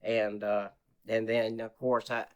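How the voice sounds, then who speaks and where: A man's voice: lowish voice, takes it slowly, clear, resonant tone. Rambling male guest telling a story. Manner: animated retelling, acts out quotes in a raised voice; rambling, many restarts and fillers. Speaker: interview guest. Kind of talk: casual storytelling.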